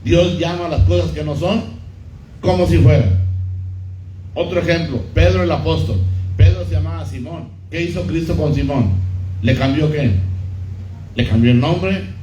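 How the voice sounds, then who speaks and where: A middle-aged pastor preaching a sermon, who repeats key phrases and puts questions to the congregation. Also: male voice, a little high, moderate pace, long pauses, warm tone, slight background noise. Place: church hall. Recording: muffled echoey church recording.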